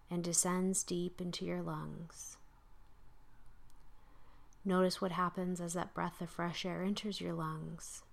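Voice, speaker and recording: A woman guiding a slow breathing meditation in a calm, soothing voice, often sinking into soft whispers. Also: on the low side, gravelly. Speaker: meditation guide.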